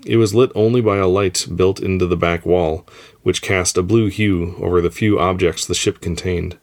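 A man reading a story aloud in a measured, steady narration. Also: low voice. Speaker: story reader. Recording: faint music underneath.

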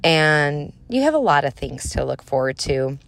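A woman's voice: low-pitched, sing-song, normal speed, gravelly. A woman in her thirties hosting a solo podcast, talking casually in an upbeat, chatty and encouraging way. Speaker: podcast host and motivational speaker.

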